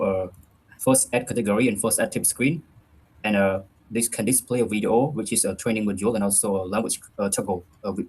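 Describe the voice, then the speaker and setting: Young guy, low voice, student doing a prepared tech presentation. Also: darkish tone, breathy edge, low-quality recording. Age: young adult.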